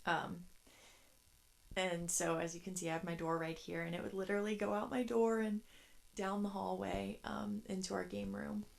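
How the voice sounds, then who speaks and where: A woman's voice: medium pitch, level tone, moderate pace, creaky. A young woman in her twenties, hosting a solo podcast from her bedroom and telling childhood stories in a chatty, rambling way. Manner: chatty, rambling, laughs between thoughts. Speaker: podcast host. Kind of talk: casual solo podcast storytelling.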